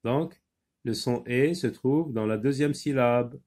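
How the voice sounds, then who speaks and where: Man, phonics teacher, very slow, patient, many pauses. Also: mid-range voice, a little mellow. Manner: switches between French and Arabic explanations. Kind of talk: phonics lesson.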